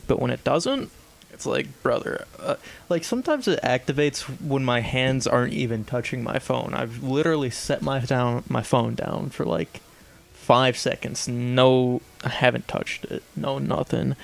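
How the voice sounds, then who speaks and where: A man's voice: mid-range voice, unhurried, gravelly. A young man streaming an aim-training session, talking casually and rambling, often restarting his sentences as he plays. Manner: rambling, self-correcting, chatty. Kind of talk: casual gaming commentary.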